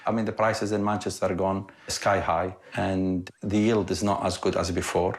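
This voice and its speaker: A man from Iraq, a property developer, answering interview questions in halting, slightly broken English with many pauses. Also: low voice, level tone. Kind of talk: on-site interview.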